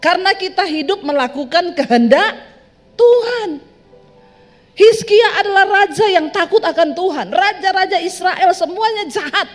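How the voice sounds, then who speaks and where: A woman pastor preaching a sermon in a lively, joking way, speaking straight to her congregation. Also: very high voice, moderate pace. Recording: reverberant hall with soft music.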